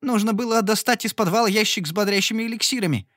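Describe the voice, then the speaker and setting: A woman's voice: medium pitch, fast talker, a bit bright, dry recording, studio quality, pitched above the performer's own voice, natural voice. A man voicing a clumsy, anxious young shop girl who pleads and sobs in an audiobook. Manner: pleading, breathless.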